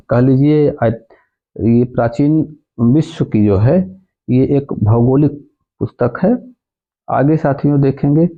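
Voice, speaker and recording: A man's voice: medium pitch, vocal fry. A male coaching teacher giving an exam-prep lecture, calling his students friends and repeating each key answer. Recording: tinny phone-like audio.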